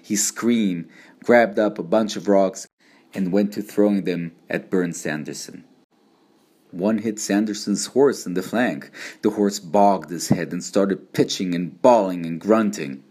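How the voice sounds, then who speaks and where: A man narrating an audiobook in a steady, measured storytelling manner. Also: deep voice, husky.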